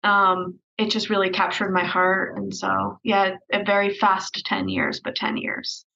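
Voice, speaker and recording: A woman's voice: medium pitch, completely flat delivery, unhurried, gravelly, bright, forceful tone, a little hiss or hum. Chatty woman on a dull video call. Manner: friendly, chatty, self-deprecating. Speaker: nonprofit executive director. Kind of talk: casual video call interview.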